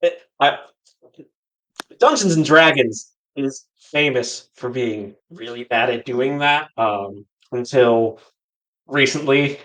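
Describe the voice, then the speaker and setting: A man's voice: mid-range voice, lively intonation, slow, a bit bright, low-quality recording. A man co-hosting a casual podcast, explaining mythology and fantasy tropes in long, opinionated stretches. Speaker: podcast co-host. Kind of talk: casual chat.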